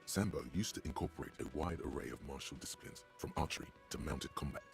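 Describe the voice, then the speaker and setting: A man's voice: rumbling low, fast, creaky, soft background music, voice pushed down. A man voicing a wry, knowing inner skill voice in a video game, lecturing in a narrating tone.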